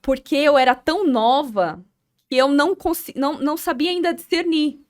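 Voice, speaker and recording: Woman, Brazilian Portuguese accent, young adult, podcast guest, earnest, halting, fairly high voice. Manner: earnest, halting, repeats words as she recalls. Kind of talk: personal storytelling in an interview.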